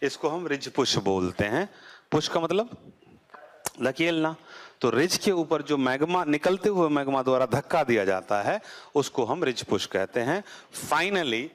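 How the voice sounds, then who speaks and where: A male teacher giving a classroom geography lecture. He keeps asking the class rhetorical questions and then answers them, and his pitch drops as he closes off each point. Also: animated, measured pace.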